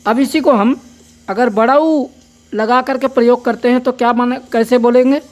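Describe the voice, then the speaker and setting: A woman's voice: fairly high pitch, fairly even intonation, normal speed, darkish tone. A woman teaching a braille lesson, patiently spelling words out and explaining each step. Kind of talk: slow spoken lesson.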